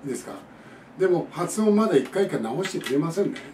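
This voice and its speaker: A man giving a spoken pronunciation lesson, explaining patiently and repeating example words slowly. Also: on the high side, expressive, darkish tone. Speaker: English conversation teacher. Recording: echoey room, distant mic, faint noise.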